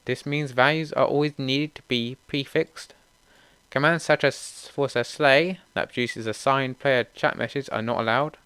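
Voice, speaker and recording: A young man hosting a gaming channel, reading out update notes in a steady run with casual asides. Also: mid-range voice, normal speed, clear, resonant tone, no echo.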